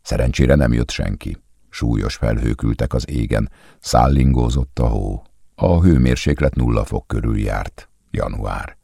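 A man reads a novel aloud in a calm, measured way. His voice sits extremely low, with a gravelly fry and a husky edge. The close recording is dry, with no room sound. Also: dry recording. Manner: calm, measured literary reading. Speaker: audiobook narrator. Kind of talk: scripted audiobook narration.

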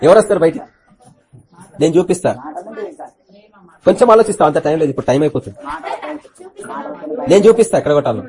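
A man preaching a Good Friday sermon, firing rhetorical questions at the congregation and swinging between loud bursts and quiet asides. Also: a little high, expressive, fast, pauses often. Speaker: pastor.

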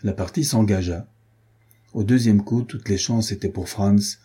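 A man narrating a novel as an audiobook in a steady, even reading. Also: on the low side, unhurried, husky.

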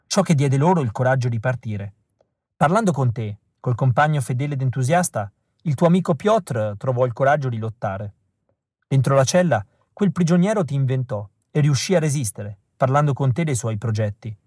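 Guy doing a soft earnest rebel woman, wistful, raised a bit higher, dry close sound. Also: expressive, brisk, dry recording, lightly acted. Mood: tender. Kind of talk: audiobook reading.

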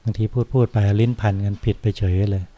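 An older male Buddhist monk from Thailand giving an informal Dhamma talk in an unhurried, reflective way, often closing phrases with a soft tag word. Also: on the low side, steady tone.

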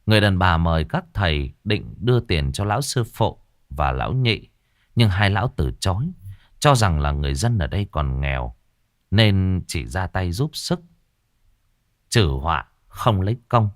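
A man narrating a ghost story in a dramatic, expressive storytelling manner. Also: low-pitched, normal speed, dry recording, clean studio sound.

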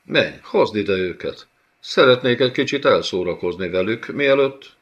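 A man's voice: fairly low pitch, lively intonation, fairly bright tone, pitched above the performer's own voice. A man voicing a hateful giant male overlord, thundering and contemptuous, in a dull lo-fi audiobook recording. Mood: cruel pleasure.

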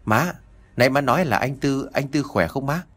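Man doing a hesitant young wife, stammering, lively pitch. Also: normal speed. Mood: strained. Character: young wife hiding her misery.

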